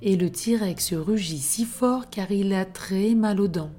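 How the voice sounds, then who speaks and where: A woman narrating a children's bedtime story in a hushed, unhurried way, often slipping into a whisper. Her voice is mellow and warm, at an even middle pitch. Gentle music plays faintly underneath.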